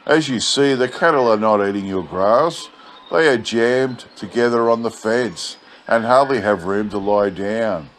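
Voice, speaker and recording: A man's voice: lowish voice, measured pace, close to an everyday voice, low-quality recording. A man voicing a crafty cattle drover from a storybook yarn, with an outback drawl. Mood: pleading. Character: crafty male cattle drover feigning humble sincerity. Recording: clear background noise.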